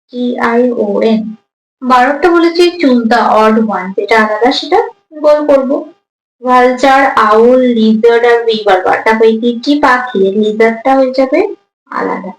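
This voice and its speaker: A woman teacher going through exam answers, reading English prompts slowly, explaining them in Bengali and spelling words out letter by letter. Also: fairly high pitch. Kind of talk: exam answer walkthrough lesson. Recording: echoey room.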